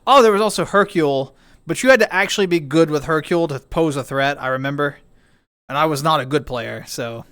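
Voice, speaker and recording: A man's voice: on the high side, a little fast, fairly bright tone, no echo. A young man streaming, chatting casually with his viewers in a rambling way full of restarts and fillers.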